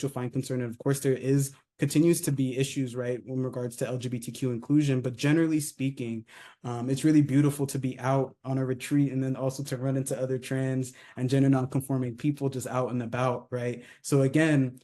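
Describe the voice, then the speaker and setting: A man from California talks through a presentation in a loose, conversational way, often checking in with a quick tag question. His voice has a mellow, warm tone at a middling pitch. He speaks as a company head giving an overview. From California, United States. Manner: conversational, many fillers, tags sentences with "right?". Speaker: company CEO presenting a retreat. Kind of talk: casual presentation, video overview.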